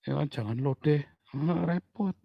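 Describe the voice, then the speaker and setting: Middle-aged male pastor, animated colloquial sermon, dry close mic. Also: a little slow, creaky, no echo, lo-fi sound. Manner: lively, swings from loud exclaiming to low murmur; colloquial, playful sound effects.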